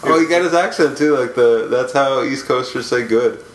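A man's voice: medium pitch, normal speed. A man co-hosting a podcast, chatting casually and jokingly about a baseball game and laughing often. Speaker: podcast co-host. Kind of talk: casual chat while watching a baseball game. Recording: roomy room with faint noise.

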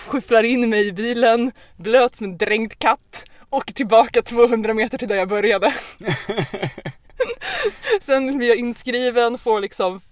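A woman on a podcast telling a personal anecdote in a casual, lively way, with lots of fillers and restarts. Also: fairly high pitch, no echo. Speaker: podcast host. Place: podcast recording.

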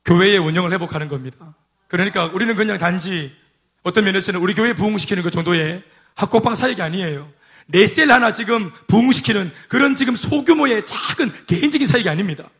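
High-voiced pastor preaching. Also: male voice, lively intonation, fast talker, fairly bright tone. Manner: call-and-response preaching, repeated amens and hallelujahs. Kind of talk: sermon. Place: church sanctuary.

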